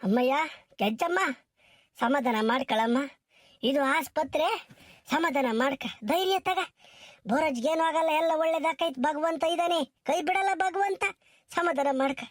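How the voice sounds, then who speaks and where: A woman playing a village woman who calmly comforts a crying friend in a hospital. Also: high voice, moderate pace, dry recording, clean studio sound, close to an everyday voice. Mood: soothing. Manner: soothing, reassuring.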